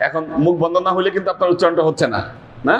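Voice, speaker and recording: A man's voice: sits high, fairly even intonation, very fast, highs cut off. A man teaching a pronunciation class, patiently repeating letter sounds for his students. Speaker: Sufi teacher leading a weekly class. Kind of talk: Quran pronunciation lesson. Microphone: livestream camera mic. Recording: echoey room with faint noise.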